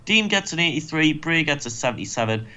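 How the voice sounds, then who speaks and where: A man's voice: on the high side, expressive, brisk, sharp tone, muffled recording. A man hosting a let's play, giving casual, joking commentary on a wrestling game. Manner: joking, wry.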